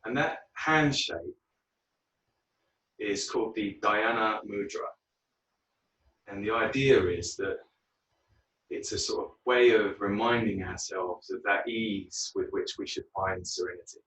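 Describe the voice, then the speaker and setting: A man guiding a yoga class, relaxed and unhurried, with frequent ums. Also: fairly low pitch, far from the mic, poor audio. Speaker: yoga teacher.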